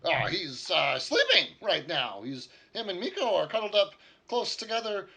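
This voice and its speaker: Fussy, flustered man roused late at night, high-pitched and stammering, voiced by a man. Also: wildly swooping pitch, normal speed, gravelly, sharp tone, full character voice. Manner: fretful, stammering, overly polite.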